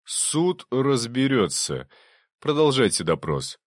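A stern, impatient judge snapping out curt commands, as a male narrator puts him on. The voice rises with lively pitch. The sound is dry and close. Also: takes it slowly, no echo. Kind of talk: audiobook reading.

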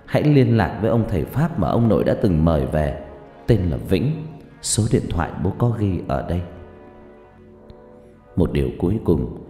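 Guy doing a dying dad's soft farewell letter, low mellow voice, lots of echo. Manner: soft, sorrowful and tender. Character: dying father, gentle, writing farewell letter. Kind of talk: letter read aloud in a ghost story. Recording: echoey reverb with faint music.

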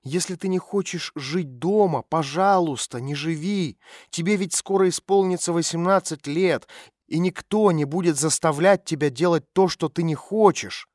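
A man voicing a calm woman private detective who speaks quietly and gently to coax a runaway girl. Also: fairly high pitch, moderate pace, dry recording, clean studio sound, lightly acted. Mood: soothing. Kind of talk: audiobook character voice.

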